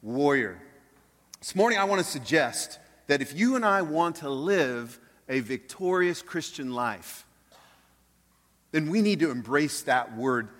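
A male pastor preaches in a conversational style, with a fairly high voice for a man. He leans on rhetorical questions and repetition to make his points. His words ring out with the long reverb of a big hall. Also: animated, unhurried, a bit bright. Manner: rhetorical questions, repeats phrases for emphasis. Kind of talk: conversational church sermon to a congregation. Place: large church hall, speaking live.

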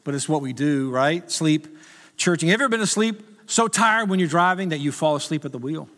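A middle-aged man preaches in a high, light voice, mixing jokes about himself with earnest calls to his listeners. His words ring out with a long reverb, as in a large church hall. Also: animated, brisk, fairly bright tone. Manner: conversational, self-deprecating humor, rising to urgent appeals. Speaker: pastor. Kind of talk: sermon with humorous stories.

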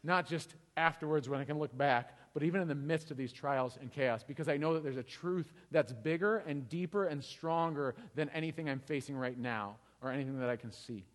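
A man's voice: a little high, brisk, hardly any pauses, big-room sound. A pastor in his thirties giving a conversational sermon, often asking "right?" to the congregation. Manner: conversational, tag questions like "right?".

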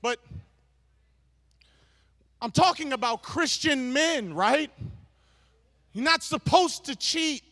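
A male preacher addresses his congregation in a strikingly high voice. He takes his time, leaning on each phrase and repeating lines for emphasis. Now and then he rises into a shout and talks straight at the listeners. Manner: talks directly to the audience. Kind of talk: sermon to a congregation.

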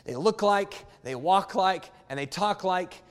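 Preaching a sermon in a church sanctuary, a male pastor with a notably high voice sounds animated and smooth as a long reverb follows his words. He stays emphatic yet conversational, driving home key phrases by repeating them and throwing quick asides to the congregation.

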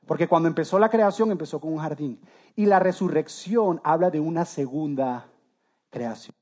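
A man's voice: fairly high pitch, moderate pace, mellow. A man preaching a sermon as pastor, talking conversationally and straight to his listeners, often restarting and repeating words. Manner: conversational, addresses listeners directly.

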